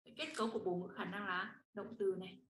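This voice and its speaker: A woman's voice: medium pitch, steady tone, fast talker. Woman teacher explaining in an echoey room. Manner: explains patiently, asks students to read and answer. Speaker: Chinese language teacher. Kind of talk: online class instruction. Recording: roomy echo, faint noise.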